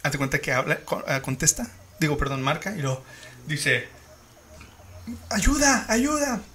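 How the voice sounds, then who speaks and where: A man's voice: medium pitch, steady tone, a little fast, sharp tone, a little hiss or hum. A man hosting a podcast, retelling a story in a casual, dramatic way. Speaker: podcast host.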